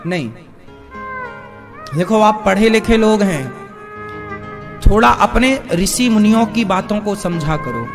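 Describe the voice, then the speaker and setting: A male spiritual preacher giving a live devotional discourse, animated, questioning his audience and acting out voices. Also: high-pitched, slow pace, pauses often, faint music behind.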